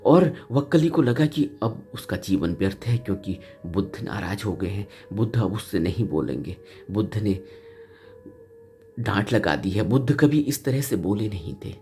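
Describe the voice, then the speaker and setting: A man delivers a slow, earnest spiritual talk, circling back over his phrases to drive the point home. His voice sits low and dark in tone. A faint flute plays underneath. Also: lively intonation. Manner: earnest, repeats phrases for emphasis, rises in pitch for key points. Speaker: spiritual teacher. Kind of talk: Hindi dharma discourse retelling a Buddhist story. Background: soft flute music.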